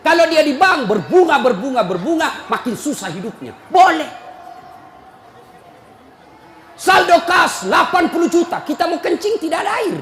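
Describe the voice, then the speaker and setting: A man preaching a humorous sermon, teasing and scolding his listeners and often breaking into shouts. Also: very high voice, sing-song, normal speed, long pauses. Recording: echoey hall, faint crowd and noise.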